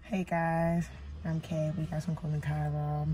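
Shy low-voiced young woman guest. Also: flat delivery, normal speed, warm tone, slight background noise. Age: young adult. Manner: shy, hesitant. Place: in a pub.

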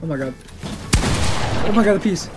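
A man's voice: high voice, expressive, a little fast. A young man doing casual gaming commentary as a streamer, talking in hyped gamer bro slang. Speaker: video game streamer. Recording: music and game gunfire behind. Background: background music, game gunfire.

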